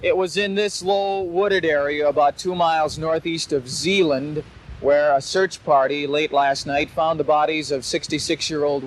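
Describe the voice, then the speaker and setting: A man's voice: fairly high pitch, a little hiss or hum, rough recording. A male TV reporter heard in an old 1970s newsreel, giving a formal broadcast report. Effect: old newsreel audio. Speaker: TV news reporter.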